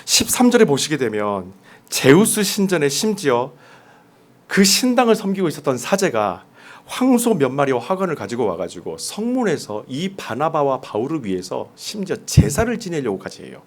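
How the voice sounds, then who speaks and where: A man's voice: fairly high pitch, wildly swooping pitch, moderate pace. A man preaching a sermon as pastor, talking conversationally and putting questions straight to his congregation. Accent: mostly standard Seoul Korean, dialect suppressed. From Jeolla, South Korea.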